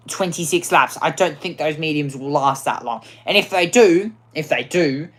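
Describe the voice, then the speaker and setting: A woman with a low, worn-out voice commentates a racing game live. She is excitable and keeps repeating and restarting her phrases.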